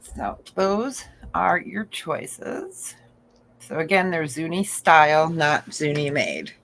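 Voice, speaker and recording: Slow-talking bright-voiced woman auction host. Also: low voice, very animated, poor audio. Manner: chatty, describes items slowly, laughs often. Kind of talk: casual live sales chat.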